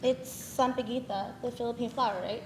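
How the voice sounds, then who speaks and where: A young woman playing a sarcastic teenage younger sister with wry, quick comebacks in a campus stage play. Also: fairly high pitch, fairly even intonation, echoey room, noisy background, natural voice. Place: live stage in a hall.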